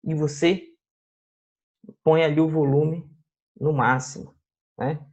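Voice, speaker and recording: A Brazilian male music teacher explains sound to young students, pausing often to check they follow. His voice sits a little high, with a gravelly, husky grain. The recording is dull and lo-fi, with faint guitar behind him. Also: steady tone, darkish tone. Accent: Brazilian Portuguese. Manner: explains slowly with many tag questions, plays guitar and sings examples. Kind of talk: classroom video lesson.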